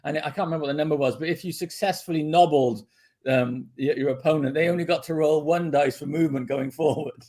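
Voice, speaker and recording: A man co-hosting a casual podcast, telling animated stories with halting restarts. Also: a little high. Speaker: podcast co-host. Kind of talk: casual chat.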